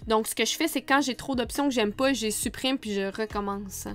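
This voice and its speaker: A woman's voice: a little high, brisk. A woman photographer with a Quebec French accent, teaching in a chatty, casual way with frequent laughs. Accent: Québécois French. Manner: chatty, laughs often, many fillers. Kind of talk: casual screen-recorded tutorial.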